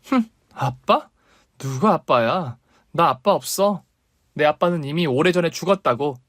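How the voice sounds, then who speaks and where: A man's voice: high-pitched, measured pace, darkish tone, no echo, studio quality, voice pushed up. A man voicing a stubborn, resentful daughter who speaks in a raised, insistent way. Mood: defiant. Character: sharp-tongued young daughter, stubborn and resentful.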